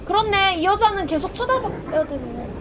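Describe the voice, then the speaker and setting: Woman game streamer, very high and lively voice, jumpy and shrieky, with game noise behind; casual live commentary. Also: normal speed, a crowd in the background. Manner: jumpy, shrieks and exclaims when startled.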